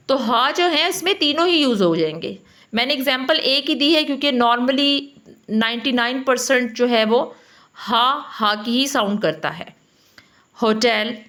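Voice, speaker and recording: A woman teaching phonics to other teachers, slowly explaining and repeating each letter sound aloud. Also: high voice, pushed and bright.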